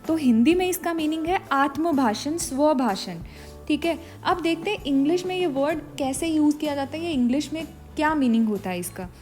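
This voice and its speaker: A woman gives a vocabulary lesson in a high, bright voice. She spells words out slowly, letter by letter. She asks her own questions and answers them, with faint music behind her. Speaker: teacher.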